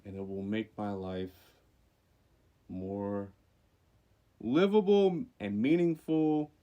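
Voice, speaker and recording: A young man from Louisiana co-hosting a podcast, telling stories in casual chat and jumping up in pitch for emphasis. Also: slow pace, dull audio. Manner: animated storytelling, jumps up in pitch for emphasis. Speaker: podcast co-host.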